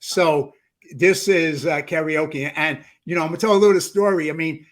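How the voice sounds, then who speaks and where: A New York man hosts a podcast interview, playfully teasing his guest in casual, chatty talk with many restarts. His voice is a little high, at a moderate pace.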